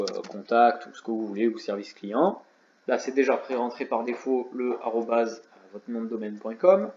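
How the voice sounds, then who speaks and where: A man's voice: mid-range voice, darkish tone. Man, tired tutorial host, chatty with joking asides; echoey room, slightly muffled audio. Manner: chatty, self-mocking asides. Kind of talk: casual screen tutorial. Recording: roomy, slightly dull sound.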